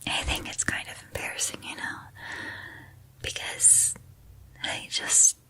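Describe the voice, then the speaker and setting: A woman in a whispered role-play, voicing an obsessive, lovestruck female student turned captor who confides haltingly in a breathy whisper. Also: bright, forceful tone. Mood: tender, shy. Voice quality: breathy whisper, mostly unvoiced. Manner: hesitant, halting, intimate confiding.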